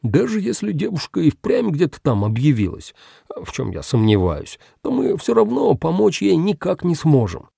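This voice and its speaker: A man's voice: a little high, huge pitch swings, moderate pace, creaky, dark tone, breathy edge, dry recording, clean studio sound, voice pushed up, full character voice. A man doing an anxious, cautious crewmate. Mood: worried. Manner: hesitant, reasoning. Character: cautious, anxious male crewmate trying to reason.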